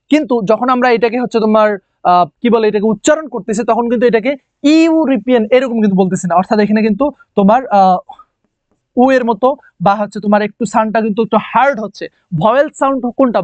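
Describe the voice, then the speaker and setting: A man's voice: extremely high pitch, a little mellow, no room sound. A man teaching an English grammar lesson, repeating key words and quizzing his students with questions. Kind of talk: classroom lecture.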